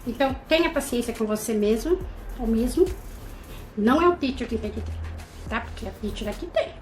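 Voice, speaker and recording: A woman's voice: fairly high pitch, darkish tone. A Brazilian woman teaching English on a live stream, talking animatedly to viewers, asking rhetorical questions and acting out her students' thoughts. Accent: Brazilian Portuguese. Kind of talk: live-stream lesson, casual talk to viewers.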